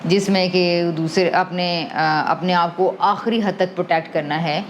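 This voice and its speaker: A woman's voice: lowish voice, fairly even intonation, a little hiss or hum. A woman guest on a podcast, explaining things conversationally and thoughtfully, slipping English terms into her speech and often restarting sentences. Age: adult parent. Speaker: podcast guest on emotional wellbeing.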